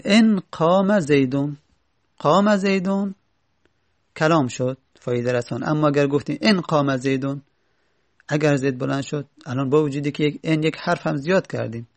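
A man's voice: on the high side, creaky. A man teaching Arabic grammar, reading lines from an Arabic text and then explaining them step by step.

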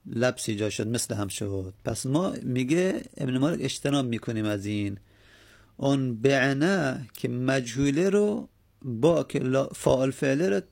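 A male teacher with a gravelly, rough-edged voice at medium pitch gives a grammar lecture. He speaks patiently, running through verb forms in steady drills and checking in with his students along the way.

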